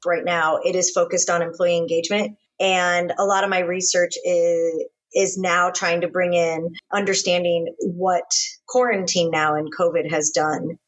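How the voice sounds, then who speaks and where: A woman's voice: on the low side, flat delivery, normal speed, highs cut off. A woman from Florida with an American accent, co-hosting a show and chatting casually as she tells personal stories. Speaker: podcast co-host. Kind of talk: casual chat, personal storytelling.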